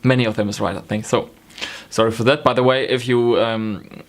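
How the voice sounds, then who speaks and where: Speaking briskly with a steady tone in a mid-range voice, a young man from Germany vlogs about knitting. He has a German accent, and his casual, rambling talk to a camera framed close in front, from a small room at home, is full of ums and self-corrections.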